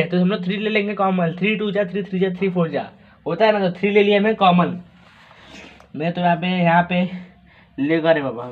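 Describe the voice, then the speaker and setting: A man teaching math, talking through each step in a chatty way and asking the class rhetorical questions. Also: high-pitched. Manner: chatty, asks rhetorical questions, repeats words. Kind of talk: explaining math steps on a board. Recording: tinny phone-like audio.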